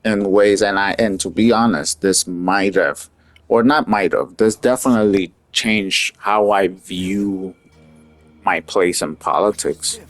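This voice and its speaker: A vlogger from Puerto Rico gives an earnest, opinionated monologue, wandering casually into loose, rambling asides. His voice is low and slow-paced. There's no echo, with faint music in the background.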